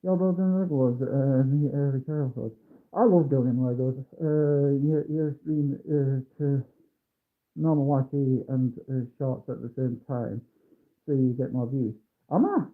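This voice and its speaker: A man's voice: mid-range voice, fairly even intonation, a little slow. A man livestreaming while building a kit, his voice muffled as though through a mask or a wall, mumbling and humming to himself. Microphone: phone mic. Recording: tinny muffled phone audio.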